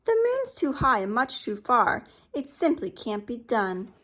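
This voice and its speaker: An opinionated female farm cow from a picture book, put on by a woman reader. She is doubting and excitable, exclaiming in a highish voice. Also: unhurried, full character voice. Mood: scoffing.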